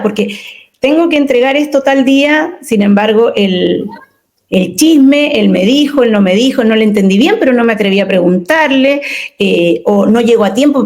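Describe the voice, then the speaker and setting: Woman, communication consultant, interview guest; expressive and emphatic, slightly high-pitched. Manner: expressive, emphatic, rhetorical questions. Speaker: communication consultant and workshop leader. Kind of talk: interview conversation.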